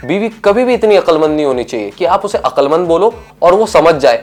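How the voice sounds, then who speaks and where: A man's voice: fairly high pitch, animated, brisk, faint music behind. A young man in a scripted comedy sketch, playing a husband and firing off sarcastic one-liners.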